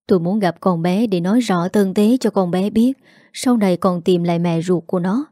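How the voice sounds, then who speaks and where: A woman voicing a frail, sick old father who speaks softly and wearily. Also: fairly low pitch, normal speed, no echo, clean studio sound, lightly acted. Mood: weary tender.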